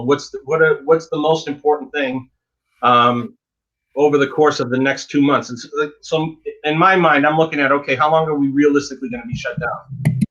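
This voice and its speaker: A man's voice: medium pitch, a bit bright, highs cut off. A dentist giving frank, emphatic advice in a casual interview, often repeating words as he talks.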